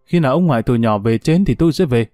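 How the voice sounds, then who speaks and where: A man voicing a resigned, quietly hurt older grandmother who speaks in a subdued way. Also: medium pitch, lively intonation, rapid-fire, no echo, studio quality, close to an everyday voice.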